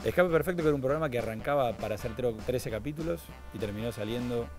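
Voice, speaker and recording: A man's voice: medium pitch, quick pace, soft background music. A man with an Argentine Rioplatense accent, a talk-show guest, joking casually about his career. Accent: Argentine Rioplatense Spanish. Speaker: interview guest. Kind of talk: casual late-night interview.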